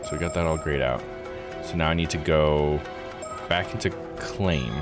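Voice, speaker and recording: A bass-voiced man streams a visual novel at a moderate pace, thinking aloud in a laid-back, jokey way and reading the game's text aloud as casual commentary. His voice sits over video game music.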